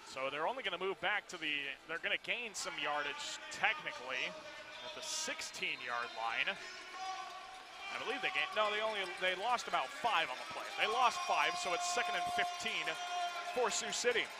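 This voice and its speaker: A man giving live football play-by-play as a radio sports commentator. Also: high voice. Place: broadcast position in an indoor arena.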